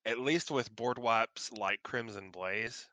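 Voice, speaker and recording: A man's voice: medium pitch, takes it slowly, pushed and bright, no room sound, rough recording. A man co-hosting a podcast, explaining card game rules in casual chat. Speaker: podcast co-host.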